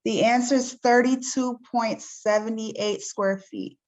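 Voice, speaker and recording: A woman's voice: fairly high pitch, steady tone, unhurried, darkish tone, natural voice, rough recording. A woman playing a young nonbinary college student in a read-aloud training scenario, making polite, tentative corrections.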